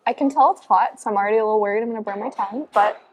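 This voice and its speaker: Speaking very fast in a mid-range voice, with a little hiss or hum in the audio, a young woman chats casually for her vlog while sitting on a couch in a cafe. She's bubbly and uses plenty of fillers such as "like" and "um".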